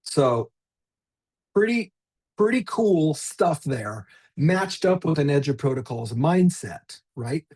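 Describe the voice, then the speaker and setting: A man's voice: fairly high pitch, expressive, slow pace, a little mellow, breathy edge. A man leading a live online teacher training, demonstrating a tool in an upbeat, chatty way and addressing attendees by name over a video call. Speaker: workshop presenter.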